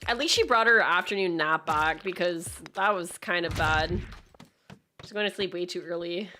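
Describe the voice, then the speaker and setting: Bright-voiced Acadian woman streamer chatting casually. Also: lowish voice, moderate pace, slight background noise. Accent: Acadian Canadian. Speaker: live streamer. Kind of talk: casual chat to stream viewers.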